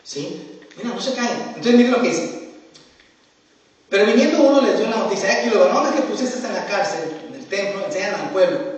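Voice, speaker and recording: A man preaching a sermon as pastor, telling the story in an animated way and acting out the scenes. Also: sits high. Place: church sanctuary. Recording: echoey church hall from far off.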